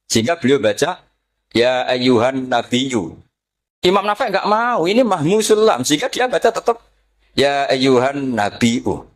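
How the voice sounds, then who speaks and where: A middle-aged man giving a religious study lecture, explaining Quranic readings and slowly chanting Arabic phrases. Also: a little high. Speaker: Islamic preacher.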